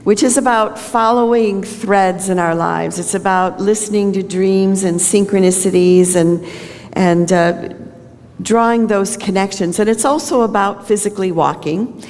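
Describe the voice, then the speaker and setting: A woman's voice: mid-range voice, fairly even intonation, a little slow, a little mellow. A woman minister giving a conversational sermon at a pulpit microphone in a church. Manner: conversational, plain-spoken. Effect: speaking at a pulpit microphone. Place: church sanctuary. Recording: long reverb of a large hall.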